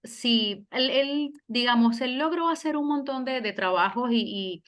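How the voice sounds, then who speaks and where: The speaker is a middle-aged woman from Venezuela, a singer who also teaches German, interviewed in a conversational style. Her voice sits on the high side and sounds a bit bright, moving a little slowly as she reflects aloud with plenty of fillers and restarts.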